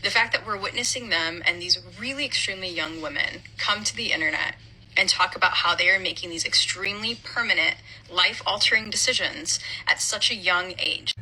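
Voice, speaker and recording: A woman in a commentary video, speaking in a grave, deliberate, critical way. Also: lowish voice, pushed and bright, breathy edge, poor audio.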